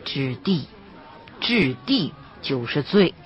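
A man's voice: fairly high pitch, sing-song, slow pace, lo-fi sound, faint music behind, voice pushed down. A woman voicing a stubborn, proud village man facing death, speaking grimly and without yielding, in an audiobook reading. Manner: grim, unbending.

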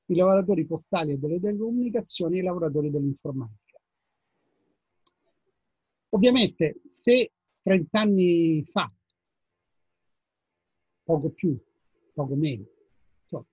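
A man's voice: a little high, breathy edge, no room sound. An older Italian man, a former trade unionist, telling anecdotes to an audience in an earnest, casual way that slips into swearing. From Italy. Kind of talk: storytelling talk to an audience. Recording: tinny phone-like sound, dry.

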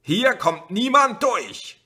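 A man reading an audiobook, voicing a stern male police officer who shouts orders through a megaphone. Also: sits high, very animated, slow, slightly rough, voice pushed up, heavily acted. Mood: shouting orders. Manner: shouting commands.

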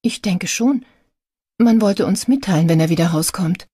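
A woman's voice: lowish voice, normal speed, mellow, breathy edge, no room sound. A woman reading an audiobook, voicing a grieving adult daughter who speaks in an earnest, strained way.

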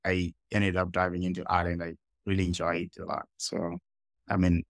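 A young man from Zimbabwe, a guest artist in a casual video-call interview, talking in halting phrases and often repeating words while he searches for them. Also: low-pitched, monotone, no room sound. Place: small room indoors. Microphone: headset on a video call.

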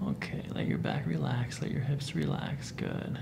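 A man, a soft-spoken chiropractor, calmly coaching breathing and relaxation in an ASMR treatment session. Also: a little high, normal speed. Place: small office treatment room, indoors. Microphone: microphone on boom arm near treatment table. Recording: clear background hiss, room noise.

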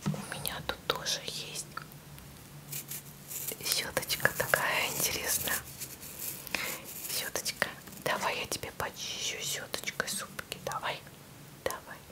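A woman hosting ASMR in a soft, breathy whisper close to the mic, cooing tenderly and repeating words soothingly. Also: measured pace, pauses often. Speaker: ASMR channel host.

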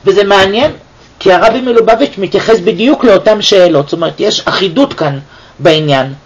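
High-voiced man teaching Torah, lively. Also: slightly rough. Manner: lively, asks many rhetorical questions. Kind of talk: weekly Torah portion lesson. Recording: dull lo-fi recording.

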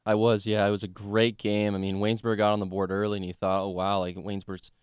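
A man's voice: lowish voice, level tone, fast, clean tone, dry recording, studio quality. A young man co-hosting a college sports podcast, chatting about games in a loose, joking way with lots of fillers. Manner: chatty, jokey, lots of fillers like "you know" and "like". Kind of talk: casual sports chat.

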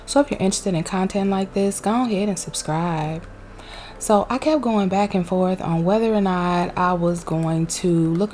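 This upbeat young woman narrates a casual vlog from home using a desk microphone, speaking with Southern US slang. Her mellow voice sits at medium pitch, with slight background noise and a loud heater in the room.

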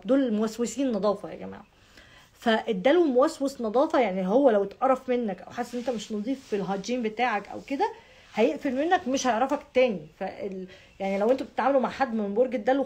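A woman's voice: on the high side, a little mellow, breathy edge. A woman with an Egyptian Arabic accent, chatting casually to her viewers and stressing points by repeating words over and over. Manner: emphatic, piles up repeated words. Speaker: astrology vlogger.

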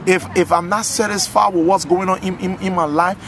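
A high-pitched, steady, fairly quick voice belongs to a middle-aged Liberian pastor giving an earnest testimony and sermon. Filmed at close range in a garden with trees behind, he repeats words as his fervor rises, amid background noise.

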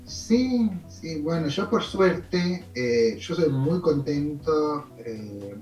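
This Canadian man, a native French speaker with an Argentine accent, works as an immigration consultant and rambles casually through stories with fillers during a video call interview. He has a fairly high pitch and talks extremely slowly, and the muffled, reverberant recording carries soft background music.

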